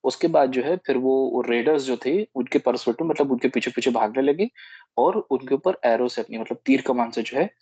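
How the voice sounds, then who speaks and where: A man explaining a history book to a study group in casual Hindi mixed with English phrases, halting often to search for words. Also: medium pitch, dark tone, breathy edge, dry recording, dull audio. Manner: halting, mixes English phrases, many fillers. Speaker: study circle presenter.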